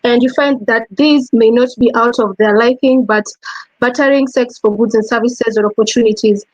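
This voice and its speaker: A woman's voice: a little high, fairly even intonation, moderate pace, a little mellow, no room sound, highs cut off. A young woman with a Kenyan accent answering earnestly as a panelist on a webinar video call. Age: young adult. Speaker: youth panelist.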